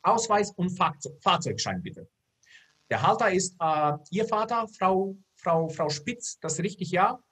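A man's voice: on the high side, fairly bright tone, slightly rough, pitched above the performer's own voice, exaggerated voice. A man voicing an officious senior male police officer, questioning in a formal, bureaucratic way.

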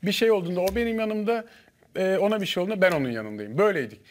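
Fast, fairly high-voiced man guest on a studio panel, animated storyteller. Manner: lively anecdote-telling, acting out dialogue. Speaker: guest, former contestant.

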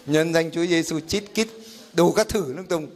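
A man's voice: fairly high pitch, fairly even intonation, fairly quick. A middle-aged man, a pastor teaching a Bible class in a conversational style, explaining with examples and rhetorical questions.

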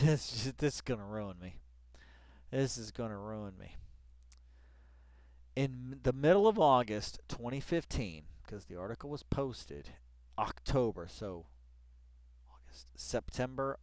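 A man with a mid-range voice reads an article aloud while adding casual, profane commentary, muttering asides and repeating phrases in exasperation. It's a rambling read-along on a dry recording.

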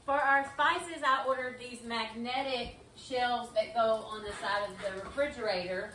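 A woman's voice: on the high side, normal speed, heavy background noise. A middle-aged woman co-hosting a home cooking video, chatting and explaining each step as she cooks in her kitchen. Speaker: cooking show co-host. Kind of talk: casual home cooking chat. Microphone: far camera across the room. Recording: echoey kitchen from far off.

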